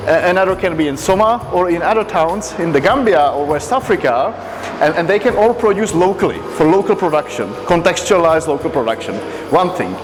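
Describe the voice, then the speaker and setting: Man, halting speech. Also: high voice, in a large hall, noisy background. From Czech Republic. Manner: halting, repeats words while searching for them. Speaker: company co-founder.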